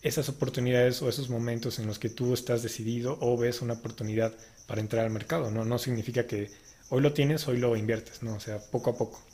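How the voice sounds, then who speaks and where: A man's voice: medium pitch, steady tone, quick pace, darkish tone. A man co-hosting a casual podcast, giving earnest step-by-step advice. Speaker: podcast co-host.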